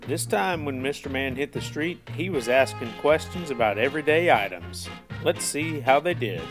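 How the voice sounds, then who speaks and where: A man's voice: mid-range voice, expressive, moderate pace, music in the background. Playful male school quiz host. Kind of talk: scripted narration.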